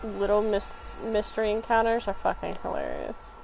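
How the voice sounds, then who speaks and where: A woman streaming a video game with casual commentary, thinking aloud in a halting way. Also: mid-range voice, wildly swooping pitch, creaky, music in the background, rough recording.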